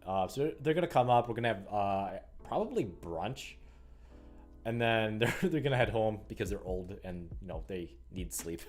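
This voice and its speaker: A man's voice: on the low side, lively intonation, normal speed. A man in his thirties from the US Midwest, rambling casually on a livestream with frequent fillers and laughs. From Illinois, US Midwest. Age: 30s. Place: home room while stringing rackets. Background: faint music.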